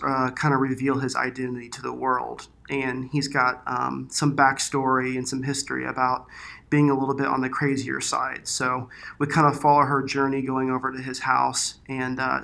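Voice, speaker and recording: Bright, creaky-voiced man in casual interview. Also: mid-range voice. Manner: informal, hesitant phrasing with frequent "like" and "you know". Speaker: filmmaker guest.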